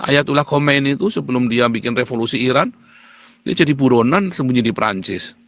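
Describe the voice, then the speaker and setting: A man preaching a sermon in an animated, boastful and scolding way. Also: medium pitch, no echo. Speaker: pastor.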